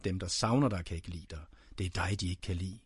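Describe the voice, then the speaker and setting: A man reading dark, brooding spoken-word poetry, addressing a "you" directly. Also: sits low, slightly rough, no echo, studio quality.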